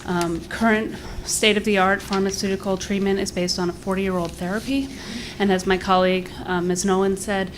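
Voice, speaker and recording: A woman's voice: medium pitch, steady tone, moderate pace, few pauses, noisy background. A woman giving earnest, polite public remarks in a formal register, a little short of breath. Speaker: advocacy group director giving public comment. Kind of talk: prepared public remarks, partly off the cuff.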